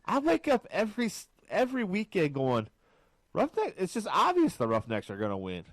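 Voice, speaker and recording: Hombre animado charlando de deportes. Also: male voice, a little fast, no echo. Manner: animated, jokey, swings pitch high when excited. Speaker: podcast co-host. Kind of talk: casual sports chat.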